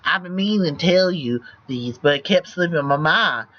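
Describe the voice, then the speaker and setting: A man's voice: a little high, animated, moderate pace, highs cut off, close to an everyday voice. A man reading the lines of a guarded, playful young male celebrity hero from a text game. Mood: earnest.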